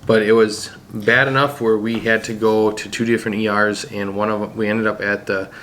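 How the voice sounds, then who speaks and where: A man's voice: lowish voice, little pitch movement, normal speed, a bit bright, slight background noise. A man explaining on a family vlog in a plain, casual storytelling way. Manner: plain explaining, with ums and asides. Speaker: vlogger, father.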